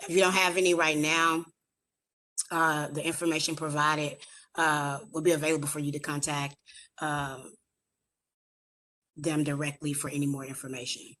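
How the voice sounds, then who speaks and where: A woman hosting a virtual veterans roundtable, conversational and a little halting, often stumbling over names and titles. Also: low-pitched, flat delivery, fairly bright tone. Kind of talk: virtual meeting moderation.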